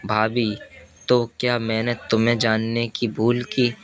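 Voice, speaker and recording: A man's voice: medium pitch, completely flat delivery, a little slow, fairly bright tone, lightly acted. A man reading the part of a shaken, ashamed young man in an audiobook, speaking hesitantly and pleadingly.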